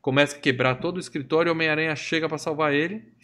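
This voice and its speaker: Fast-talking Brazilian man retelling a movie. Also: on the high side, steady tone, fairly bright tone. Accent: Brazilian Portuguese. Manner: retells scenes with acted quotes, joking. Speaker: podcast host. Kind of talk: casual movie review chat.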